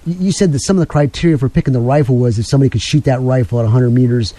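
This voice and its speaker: Male call-in radio host, rapid delivery, very dark mellow tone, chatty and rambling. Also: mid-range voice, no echo.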